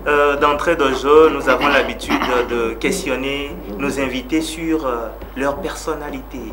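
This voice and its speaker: A man hosting a television interview, speaking in a measured, formal way whose phrases trail off quietly. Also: medium pitch, fairly even intonation, crowd noise. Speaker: TV host.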